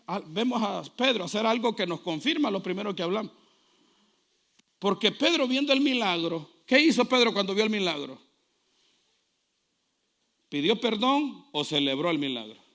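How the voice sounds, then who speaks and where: High-voiced, impassioned preacher. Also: male voice, gravelly. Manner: impassioned preaching, rising to shouts. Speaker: pastor. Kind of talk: sermon.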